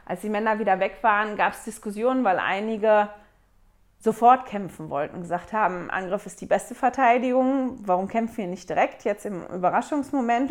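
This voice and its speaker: A woman talks through church history in a relaxed scripture study. She is chatty, stops for fillers and puts the verses in her own words. Her voice sits at a middle pitch. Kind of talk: casual scripture study talk.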